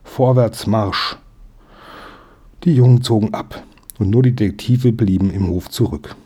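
A man reading a children's novel aloud in measured storybook narration. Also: on the low side, dark tone, husky. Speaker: audiobook narrator.

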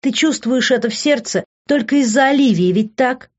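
A woman's voice: high-pitched, animated, moderate pace, voice pushed up. A woman voicing a stern, loving middle-aged mother who lectures her grown son insistently. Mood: scolding. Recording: dull lo-fi recording.

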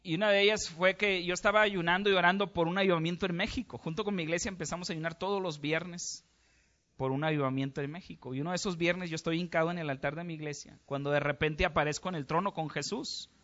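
Mexican-accented male preacher, fervent sermon testimony, high voice, dull lo-fi recording. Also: steady tone, fast, a bit bright. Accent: Mexican Spanish. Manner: impassioned storytelling, urging the congregation.

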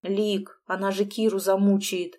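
A woman's voice: mid-range voice, level tone, unhurried, mellow, lightly acted. A woman reading an audiobook, voicing a reserved grown man who answers curtly and defensively. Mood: exasperated. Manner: curt, defensive. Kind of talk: audiobook dialogue.

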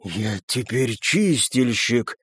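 A man voicing a gruff older male gang boss with a hoarse, shouting manner. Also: high-pitched, very animated, slow pace, no room sound, voice pushed up, exaggerated voice. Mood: excited.

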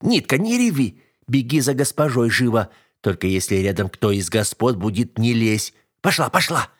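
A man voicing a fussy but caring older servant woman in an audiobook. She scolds and exclaims one moment and comforts gently the next. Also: medium pitch, very animated, normal speed, slightly rough. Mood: scolding. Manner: scolding yet tender, exclaiming. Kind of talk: audiobook character voice.

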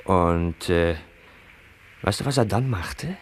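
A man's voice: low-pitched, lively intonation, slow pace, slight background noise. A cocky, taunting young man. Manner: taunting, mocking. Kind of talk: 1960s radio play acting.

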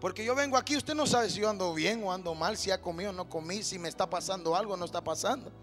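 A man preaching a sermon as pastor in a church, building to shouted amens and calling to the congregation. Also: sits high, fast talker, soft background music. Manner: preaching with rising shouts, call-and-response amens.

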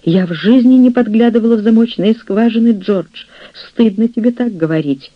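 A man reading an audiobook, voicing an older, jealous and scheming nurse, a widow, in a shrill, reproachful way. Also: moderate pace, no echo, muffled recording. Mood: aggrieved.

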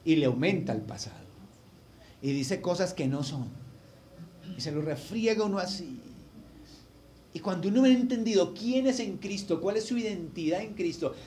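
Man, pastor, high voice, preaching a sermon, rises to loud emphatic bursts then drops soft, faint room hiss. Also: lively intonation, normal speed. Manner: emotional storytelling, swinging between loud emphasis and quiet asides.

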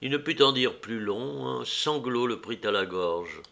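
A man narrating a classic novel in a measured, expressive audiobook reading. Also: medium pitch, creaky. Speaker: audiobook reader. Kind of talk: literary narration.

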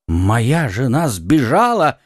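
A man's voice: big pitch swings, moderate pace, no echo, clean studio sound, lightly acted. A man voicing a frightened, pleading middle-aged shopkeeper in an audiobook reading. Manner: high, anxious, exclaiming pleas.

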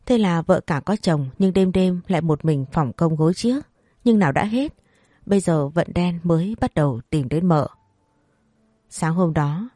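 Mellow low woman narrating a story. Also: dry recording, clean studio sound. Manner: reads all characters in a lightly varied voice, quickening for quarrels. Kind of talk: scripted narration of a family drama story.

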